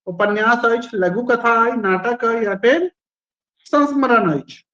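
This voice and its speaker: A man's voice: very high-pitched, lively intonation, measured pace, sharp tone, muffled recording. A male teacher running a live online quiz class, repeating each question and its options and praising students by name.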